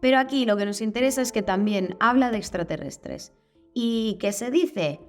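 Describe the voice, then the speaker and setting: A woman's voice: fairly high pitch, expressive, moderate pace, over music. A woman with a Spain Spanish accent narrating a video in a casual, curious way, dropping wry asides. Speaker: channel host.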